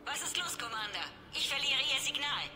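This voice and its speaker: A woman's voice: high-pitched, expressive, a little fast, sharp tone, heavily acted. A woman voicing a tense, businesslike military officer in a video game, clipped and serious. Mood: concerned. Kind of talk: dramatic video game acting.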